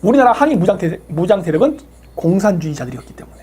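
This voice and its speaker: A woman hosting a live stream, giving sharp political commentary, sarcastic and combative, firing rhetorical questions and thanking viewers by name. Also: fairly low pitch, sing-song, racing, husky. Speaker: livestream host thanking viewers for donations.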